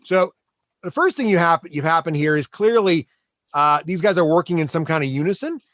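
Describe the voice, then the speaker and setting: A man running a tabletop game, narrating casually and haltingly as he thinks aloud as game master. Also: on the high side, a bit bright, no room sound, clean studio sound.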